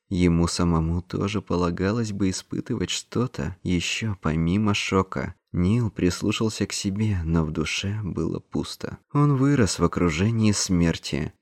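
Deep-voiced male audiobook narrator. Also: darkish tone, no room sound, clean studio sound. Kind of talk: scripted narration.

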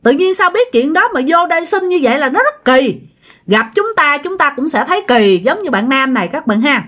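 A woman's voice: sits high, sing-song, a little fast, a bit bright. A woman narrating a ghost story in a chatty way, talking straight to the listeners. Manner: chatty, addresses listeners directly.

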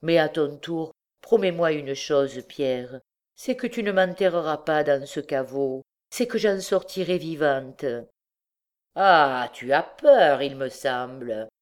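A woman's voice: low voice, expressive, slow pace. A woman voicing a desperate mother who pleads with her bandit husband, speaking emotionally and breathlessly. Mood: pleading.

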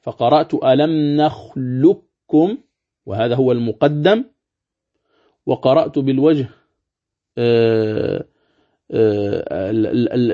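A sheikh teaching a recorded lesson on Quran recitation. He explains step by step, repeats his points and slowly demonstrates recited words. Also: medium pitch. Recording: dull lo-fi recording.

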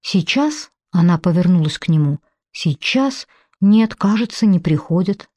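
A haunted young woman in a hospital ward, speaking in halting, fearful, childlike fragments, as a woman narrator puts her on. The voice sits on the low side and sounds warm and close. It is an audiobook reading. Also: dry recording. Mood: frightened. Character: frightened broken young woman patient.

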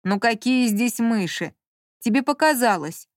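A woman's voice: on the high side, expressive, unhurried, no room sound, studio quality. A woman reading an audiobook and voicing a curt, impatient man who scolds and teases his partner. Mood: scolding. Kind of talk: audiobook character voice.

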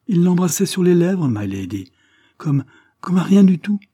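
A man's voice: mid-range voice, normal speed, dark tone, slightly rough, no room sound, clean studio sound. A man reading aloud, voicing a scheming, honey-voiced female lady's maid in a wheedling, melodramatic way.

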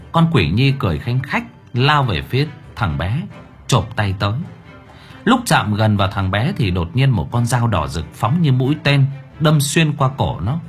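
A man narrating a fantasy audiobook in a dramatic, expressive way. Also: mid-range voice. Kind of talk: storytelling narration.

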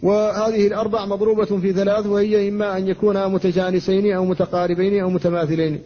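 A man, an Islamic scholar, giving a classroom lecture on Quran recitation. He explains rules at a measured teaching pace, recites verses slowly and stops to answer students. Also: high voice, level tone, dark tone. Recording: dull lo-fi lecture recording with faint noise.

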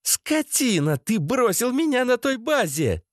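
A man's voice: extremely high pitch, sing-song, unhurried, dry recording, clean studio sound, pitched above the performer's own voice, heavily acted. A man voicing an unhinged, sadistic young woman who squeals and wheedles. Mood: shrill, vicious.

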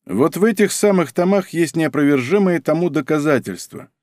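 A man reading an audiobook plays a calm, stern male militia major who speaks in a measured, insistent way. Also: on the high side, dry recording, studio quality, close to an everyday voice. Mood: firm. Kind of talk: audiobook character voice.

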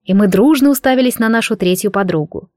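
A woman reading a humorous fantasy audiobook in a lively, ironic storytelling manner. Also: mid-range voice, quick pace, dry recording, clean studio sound. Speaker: audiobook narrator. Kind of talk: expressive audiobook narration.

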